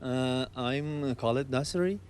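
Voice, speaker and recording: A man's voice: medium pitch, slow pace, darkish tone, faint music behind. A man from Afghanistan with an Afghan accent, speaking hesitant, broken English with many fillers as a guest in a live TV interview. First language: not English.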